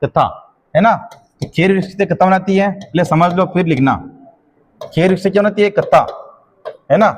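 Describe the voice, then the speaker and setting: A middle-aged man leads an exam-prep class at a fairly high pitch. He dictates slowly, says each phrase several times, and keeps checking that his students are keeping up. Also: slight background noise. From Rajasthan. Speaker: teacher.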